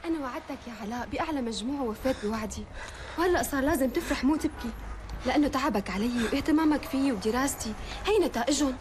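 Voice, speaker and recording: A woman's voice: high-pitched, very fast, noisy background, close to an everyday voice. A woman playing an elated, affectionate young student in a drama, with a Levantine Arabic accent. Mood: proud, affectionate. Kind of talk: acted drama dialogue.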